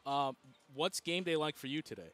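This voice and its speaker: A man's voice: on the high side, expressive, moderate pace, fairly bright tone. A man hosting a casual courtside chat, easygoing and asking questions, laughing often. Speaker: host.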